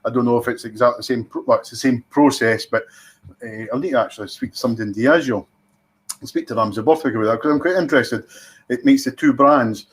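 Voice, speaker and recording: A man's voice: mid-range voice, fast talker. A Scottish man hosting a whisky tasting, talking in a chatty, teasing way and savouring his descriptions. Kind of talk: casual tasting commentary.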